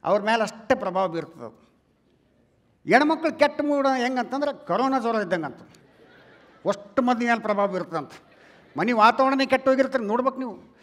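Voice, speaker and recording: North karnataka guy doing standup, really high voice, big echoey hall. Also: lively intonation, fairly quick, pauses often. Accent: North Karnataka Kannada. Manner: chatty, addresses the crowd as "relatives", loud stage delivery. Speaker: stand-up comedian. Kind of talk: stand-up comedy before a live audience. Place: stage in a large hall. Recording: long hall reverb.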